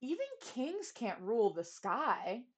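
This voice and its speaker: A shy young page boy who speaks quietly and stumbles over his words, as a woman voices him in a read-aloud. His delivery is slow and unhurried. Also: on the high side, big pitch swings, husky, heavily acted. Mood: timid. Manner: hesitant, stammering, soft.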